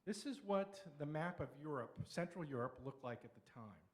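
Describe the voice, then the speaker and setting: Middle-aged lecturer, male, fairly high voice, talks through slides in a chatty, explaining way. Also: expressive. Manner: explanatory, conversational, with pauses and restarts. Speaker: local history speaker.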